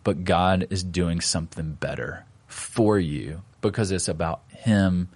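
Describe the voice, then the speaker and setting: A man, a pastor, talking through his sermon in a relaxed, conversational way with plenty of fillers. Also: low-pitched, a little slow, breathy edge, dry recording. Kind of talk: casual podcast discussion of a sermon.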